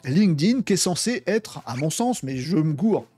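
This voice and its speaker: A man hosting a tech news video, giving casual, opinionated commentary full of fillers and animated asides. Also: fairly high pitch, normal speed, breathy edge, soft background music. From France.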